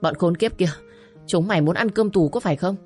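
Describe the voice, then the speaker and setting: A young uncle speaks with stubborn protectiveness in a low voice, read by a woman narrator. Faint music runs under the storybook reading. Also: brisk, a little mellow, close to an everyday voice. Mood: defiant. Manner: defiant, protective.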